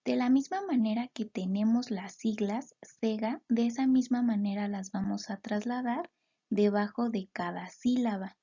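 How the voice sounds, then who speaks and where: A woman teaching a lesson, explaining step by step and sounding out words slowly, syllable by syllable. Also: mid-range voice, warm tone, muffled recording. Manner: slow, clear syllable-by-syllable explanations.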